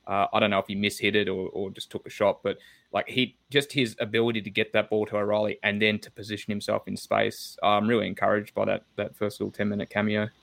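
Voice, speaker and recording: Male co-host, low and monotone, measured match analysis. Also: vocal fry. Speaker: podcast co-host. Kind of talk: casual football chat.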